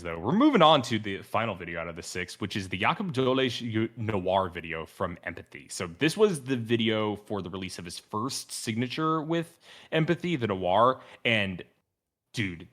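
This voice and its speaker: A man with a lowish voice hosts a casual podcast review. He speaks earnestly and with enthusiasm, spinning out wordy, analytical thoughts in an informal way. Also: fairly bright tone. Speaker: podcast host.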